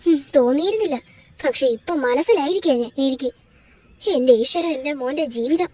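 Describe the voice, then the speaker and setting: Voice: sits high, expressive, fairly quick, darkish tone, no echo, voice pushed down. A voice actor playing a bitter, accusing mother-in-law in a home-made doll drama, speaking in a harsh, scolding way. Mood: scornful.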